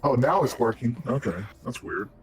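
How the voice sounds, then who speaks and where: A man's voice: mid-range voice, lively intonation, normal speed, noisy background. A man chatting casually in a group, putting on a cowboy voice as he talks. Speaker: roleplay community member.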